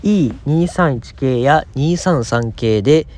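A man's voice: mid-range voice, animated, takes it slowly, a little mellow. A man giving polite, informative scripted narration for a train travel vlog.

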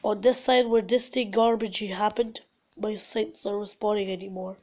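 A woman's voice: medium pitch, steady tone, normal speed, a little hiss or hum. A woman who is sick, commentating her phone game and swearing at it as the game glitches, recorded on the phone's own mic. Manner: frustrated, swearing, yelling at the game. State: sick, congested. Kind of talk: mobile gameplay commentary. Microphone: phone's built-in mic.

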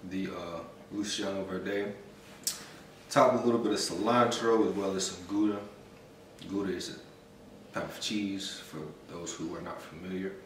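Thirties man, low easygoing cooking-vlog voice, roomy kitchen sound. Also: fairly even intonation, moderate pace, distant mic, slight background noise. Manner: laid-back, explains step by step. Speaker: co-host cooking. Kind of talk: casual cooking vlog chat. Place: home kitchen, indoors. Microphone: camera mic from a few feet away. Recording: echoey kitchen, from off the mic.

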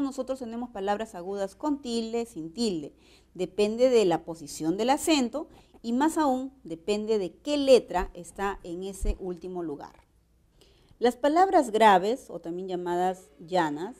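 Slow-paced Peruvian woman teaching grammar. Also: medium pitch, darkish tone. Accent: Peruvian Spanish. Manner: slow and explanatory, checks with rhetorical questions. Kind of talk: grammar lesson.

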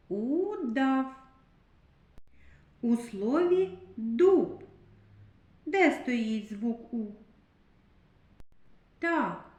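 A woman teacher giving a slow literacy lesson to young children, carefully sounding out each word. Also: on the high side, mellow, echoey room. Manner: slow, clearly sounding out words. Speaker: kindergarten teacher.

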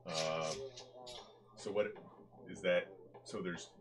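A man's voice: deep voice, steady tone, slow pace. A man chatting casually as a player at a tabletop roleplaying game. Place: small room around a crowded table.

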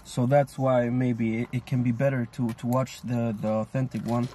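A man's voice: mid-range voice, flat delivery, normal speed, warm tone, a little hiss or hum. A man co-hosting a food vlog, musing at length in a loose, thoughtful way with lots of fillers. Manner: thoughtful, rambling, many fillers. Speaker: co-host. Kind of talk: casual chat while eating.

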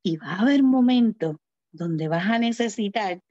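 A woman's voice: medium pitch, normal speed, no echo, dull audio. A woman preaching a sermon and acting out the voices of the people in her stories. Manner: animated storytelling, acting out quoted voices.

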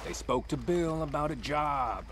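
An actor playing a gruff middle-aged outlaw in a video game, giving curt orders through noisy game audio. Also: male voice, fairly high pitch, a little slow, crowd noise, lightly acted.

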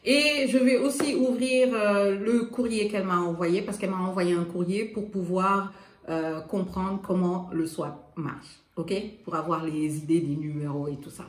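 A woman from Senegal chatting excitedly to viewers in a casual unboxing vlog, dropping in English phrases, with a slight lisp. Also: on the low side, normal speed. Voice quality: slight lisp from dental appliance. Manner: excitable, exclaiming, addresses viewers directly; drops English phrases into speech. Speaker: vlogger showing a gift swap parcel. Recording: roomy echo, faint noise.

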